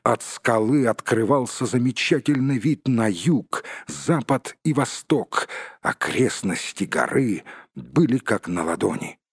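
A man narrating a storybook in a steady storytelling manner with a husky voice, at times addressing the listener. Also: mid-range voice, slow, no echo, clean studio sound. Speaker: audiobook narrator. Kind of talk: scripted narration.

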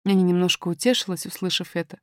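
A woman narrating a storybook in an expressive, measured reading. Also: lowish voice, no room sound, studio quality. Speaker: audiobook reader.

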